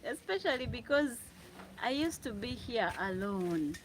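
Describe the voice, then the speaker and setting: Slow chatty Ugandan woman livestreaming. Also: a little high, big pitch swings, a little hiss or hum. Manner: chatty, laughs often, reads out comments. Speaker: livestream host. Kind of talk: casual live chat with viewers. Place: her room at home.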